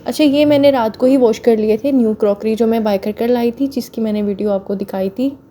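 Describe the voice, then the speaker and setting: Chatty woman, slightly hoarse. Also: fairly high pitch, fairly quick, warm tone. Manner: chatty, homely, addresses viewers directly. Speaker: home vlogger. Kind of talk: casual voice-over narrating chores.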